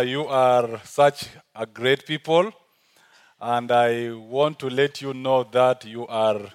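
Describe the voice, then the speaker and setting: His mid-range voice rings clear and resonant as he preaches. A guest speaker in church with a South Sudanese accent, he delivers an earnest sermon, repeating key lines for emphasis.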